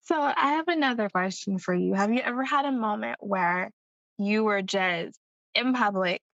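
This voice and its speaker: A woman's voice: medium pitch, normal speed, vocal fry, a bit bright, no echo, highs cut off. A woman hosting a mom podcast, chatting in a casual, upbeat conversational way. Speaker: podcast host. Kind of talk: casual interview chat.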